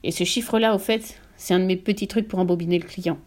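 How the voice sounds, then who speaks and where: A woman's voice: on the low side, fairly even intonation, fast, darkish tone, natural voice. A woman voicing a smug, bullying middle-aged father in an audiobook, bragging and barking. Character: boastful, bullying middle-aged father, used-car dealer.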